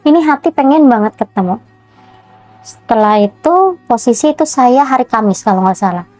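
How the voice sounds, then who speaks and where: Brief: woman interviewee, higher-pitched and dry-sounding, emotional testimony with faint music underneath. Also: moderate pace, dry recording. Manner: animated retelling with acted dialogue.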